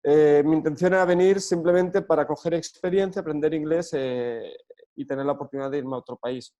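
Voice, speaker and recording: Man, football coach, mellow voice, earnest and halting delivery. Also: a little high, steady tone. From Spain. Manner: earnest, hesitant with frequent fillers and restarts. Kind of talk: remote interview answers.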